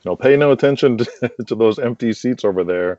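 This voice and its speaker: An audio drama creator appears as a podcast guest, chatting casually and agreeably while eagerly promoting his show. He talks fast in a warm, mid-range voice. The call audio is dull, lo-fi and roomy.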